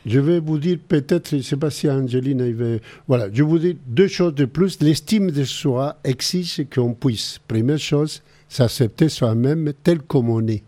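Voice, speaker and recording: A middle-aged man with a Chilean accent hosts a call-in radio show. His voice is mellow and dark, at an ordinary pitch. He gives practical self-help advice in an earnest way. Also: unhurried, few pauses. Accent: Chilean Spanish.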